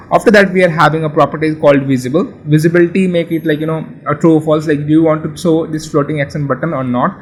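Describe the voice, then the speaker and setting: Male coding tutor, somewhat high voice, loose and chatty delivery full of fillers and restarts. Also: slight background noise, low-quality recording. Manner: casual, repetitive, many fillers and restarts. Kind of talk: screen-share coding tutorial.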